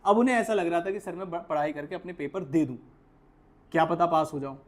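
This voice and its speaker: A man with a high-pitched voice teaches a class, often stopping to ask his students whether they follow. He drops English terms into his explanations and tells stories from his own life as examples. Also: a little fast. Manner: asks the class questions and repeats points; tells personal anecdotes as examples. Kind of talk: classroom lecture.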